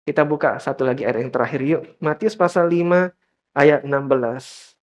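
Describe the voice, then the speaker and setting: Lively man preaching a sermon. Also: normal speed. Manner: lively, rising to high emphatic peaks, addressing the congregation often. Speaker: pastor.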